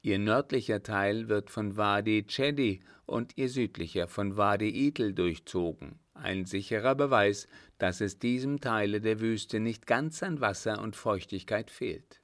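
A man narrating a novel aloud in a steady, measured reading. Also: lowish voice, dry recording, clean studio sound. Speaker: audiobook narrator. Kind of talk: scripted narration.

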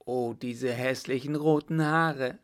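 A man's voice: medium pitch, fairly even intonation, slow pace, close to an everyday voice. A man voicing an anxious, loving young woman in a storybook reading. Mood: anxious, tender.

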